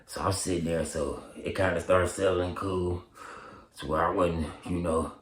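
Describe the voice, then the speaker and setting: A man's voice: sits low, fairly even intonation, a little slow. A young man casually telling a story in heavy slang, laughing often and acting out his own reactions. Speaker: storyteller vlogger. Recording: echoey room.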